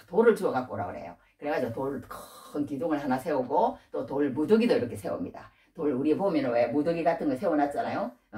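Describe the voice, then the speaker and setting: A woman giving a casual Bible-study sermon, retelling the story with lively asides and frequent prompts to her listeners. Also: deep voice, distant mic. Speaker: Bible teacher.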